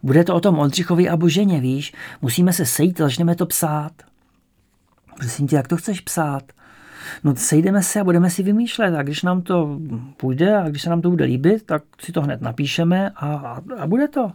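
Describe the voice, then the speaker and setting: A man voicing an eager, excitable schoolboy full of ideas, talking in a rushing way, in an audiobook. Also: on the high side, voice pushed up.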